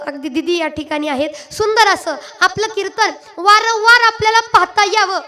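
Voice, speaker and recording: A woman kirtan preacher, leading a devotional sermon and teasingly coaxing the audience to chant louder into a PA microphone. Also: high-pitched. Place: live religious gathering with audience. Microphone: microphone through a PA system. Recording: live crowd behind. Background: audience responding and chanting.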